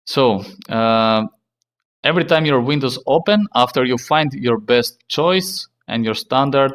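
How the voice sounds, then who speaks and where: Low-voiced man giving halting tech tutorial. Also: a bit bright. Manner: non-native English, halting, repeats himself with fillers. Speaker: tech channel host. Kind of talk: casual tutorial walkthrough.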